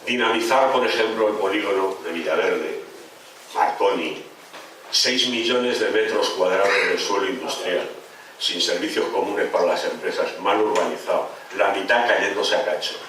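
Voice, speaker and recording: A man's voice: low-pitched, moderate pace, noisy background. A man giving an impassioned, sarcastic rally speech full of rhetorical questions. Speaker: political speaker at a rally. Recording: echoey hall, mic far off.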